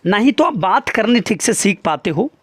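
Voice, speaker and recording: A man's voice: high-pitched, sing-song, moderate pace, fairly bright tone, slightly rough. A man, a teacher, earnestly lecturing his students with pointed rhetorical questions. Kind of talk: motivational talk to students.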